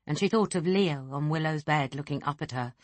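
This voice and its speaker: Woman, audiobook narration, low voice, dry sound, steady. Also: brisk, dry recording. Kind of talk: scripted narration.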